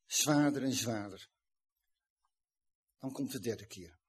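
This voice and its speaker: A man's voice: mid-range voice, takes it slowly, husky. A man preaching a sermon, earnestly retelling a scripture story and explaining it.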